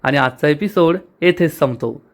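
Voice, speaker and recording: A man narrating a recap of a TV serial episode in a lively storytelling manner, addressing listeners as friends. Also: a little high, moderate pace.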